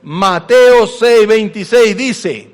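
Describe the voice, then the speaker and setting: Male pastor with a high, animated sermon voice, heard with long reverb in a large church. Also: slow. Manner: animated, swings between loud emphasis and hushed asides, acts out quoted parents; questions the congregation directly. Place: church sanctuary.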